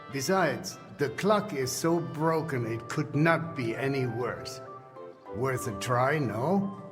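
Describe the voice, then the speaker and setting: A man's voice: mid-range voice, close to an everyday voice. A man playing a wry, talkative townsman. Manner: wry storytelling. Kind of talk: video game dialogue. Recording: reverberant room with music behind.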